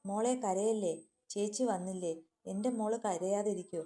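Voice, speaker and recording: A woman narrator plays a protective foster mother with a soft, soothing way of speaking. Her voice is mellow and even. She sounds close to the reader's own voice. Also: mid-range voice, moderate pace, natural voice. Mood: tender soothing. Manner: soothing and affectionate. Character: tender foster mother, protective, sharp-tongued when crossed.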